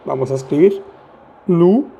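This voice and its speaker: A man's voice: a little high, expressive, unhurried, gravelly, dark tone, breathy edge. A man teaching French grammar step by step, patient and playful, often asking the listener questions as he goes. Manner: patient, asks rhetorical questions, playful asides.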